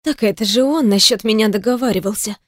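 A woman voicing a desperate older sister who cannot walk, pleading in a shrill, hoarse voice in an audiobook. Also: fast talker, no room sound, clean studio sound, natural voice. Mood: indignant. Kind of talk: audiobook character voice.

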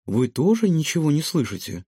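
A man voicing a young girl in a storybook, high and a little anxious. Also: big pitch swings, brisk, mellow, breathy edge, dry recording, studio quality, full character voice. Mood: puzzled.

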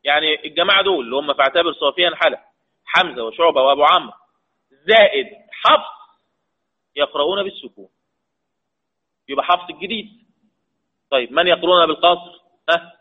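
Here an Egyptian-accented man with a slightly rough voice on the high side lectures on how to recite the Quran, mixing colloquial and formal Arabic. He throws questions at the class, answers them on his own, and slowly draws out the key terms. Audio quality is tinny and lo-fi, as if from a phone.

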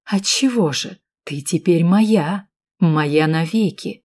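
A woman voicing a cruel, possessive man, speaking with slow gloating menace in an audiobook. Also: fairly low pitch, darkish tone, natural voice. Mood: menacing.

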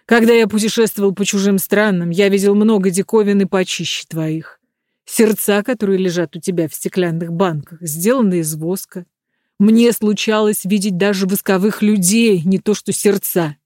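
Reader playing a young man, calm, firm, quiet, dry close sound. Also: medium pitch, normal speed, dry recording, natural voice. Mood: offhand. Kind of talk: storybook character voice.

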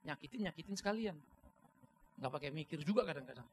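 A middle-aged man from North Sumatra, preaching in a church and telling personal stories with emphatic, animated delivery that swings between loud outbursts and quiet reflection. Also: fairly high pitch, fast, a little hiss or hum, poor audio. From North Sumatra, Indonesia. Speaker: pastor. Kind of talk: sermon with personal storytelling.

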